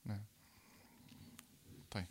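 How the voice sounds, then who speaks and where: A man's voice: slow, a little mellow, slight background noise. A man giving a classroom lecture, explaining rules one by one and repeating key phrases. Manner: acts out example phrases, then drops low to rule them invalid.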